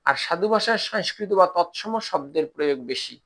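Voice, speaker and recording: Bengali teacher lecturing with fillers. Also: male voice, sits high, lively intonation, normal speed, fairly bright tone. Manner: explanatory, with many "ah" fillers. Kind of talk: recorded online lecture.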